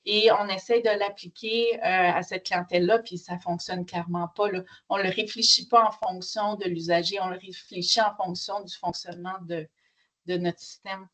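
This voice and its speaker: A woman's voice: fairly low pitch, fairly even intonation, normal speed, a bit bright, rough recording. A woman with a Quebec French accent, speaking spontaneously as a panel speaker and explaining her points.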